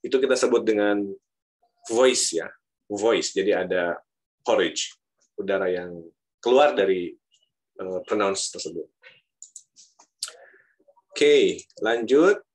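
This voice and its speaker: A man's voice: fairly low pitch, slow pace, long pauses, a little mellow. A male university lecturer with an Indonesian accent, teaching pronunciation and repeating words aloud to model them. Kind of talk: pronunciation lesson.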